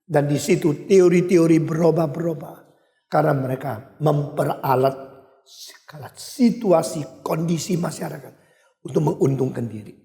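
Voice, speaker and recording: An older male pastor with an Indonesian accent preaching a sermon with emphatic swings in loudness. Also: on the high side, normal speed. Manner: emphatic, wide swings in loudness, switches briefly to English. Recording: echoey hall.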